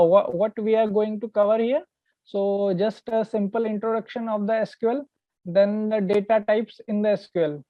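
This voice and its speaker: A man's voice: high-pitched, dry recording. A man with an Indian accent teaches an online database lesson, explaining step by step and repeating his phrases. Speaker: database trainer. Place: online call with screen sharing. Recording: narrow phone-like call audio, dry.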